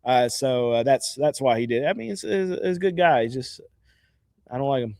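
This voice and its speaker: Man, used car dealer, rambling mock-sad gripes, mellow tone, dry close sound. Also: medium pitch, a little fast, no room sound. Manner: rambling, mock-sad grumbling with many restarts. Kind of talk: casual chat to camera.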